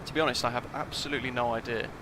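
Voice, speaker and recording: A man's voice: medium pitch, fairly even intonation, racing, background noise. A man casually talking through a flight sim live stream, thinking aloud and chatting with his viewers.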